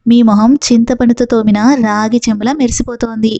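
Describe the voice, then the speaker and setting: A woman's voice: a little high, flat delivery, a little fast, mellow, no echo, lo-fi sound, close to an everyday voice. Woman reading as a fawning timid male servant.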